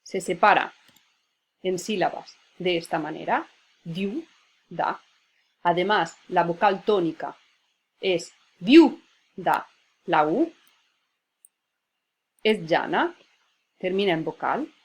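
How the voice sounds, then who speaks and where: A woman teacher talks through spelling rules in a methodical, patient way. Her voice is slightly husky and sits a little low, and she breaks words into syllables one at a time. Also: animated, slow, long pauses. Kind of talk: spelling lesson.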